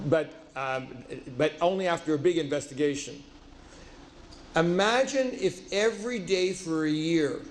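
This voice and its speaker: A man giving a storytelling lecture, lively, acting out dialogue and adding self-deprecating asides. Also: on the high side, a little hiss or hum. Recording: roomy hall with faint ambience.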